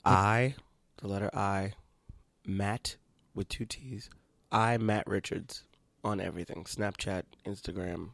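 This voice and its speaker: Man, podcast guest, lowish voice, dry sound, crude self-mocking jokes. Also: fairly even intonation, slow pace, creaky, a bit bright, dry recording. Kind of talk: casual podcast chat.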